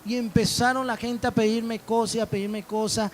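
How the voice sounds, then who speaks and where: A man's voice: very high voice, little pitch movement, normal speed, slight background noise. A man preaching a sermon as pastor, telling stories and acting out dialogue. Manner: storytelling preacher, quoting dialogue.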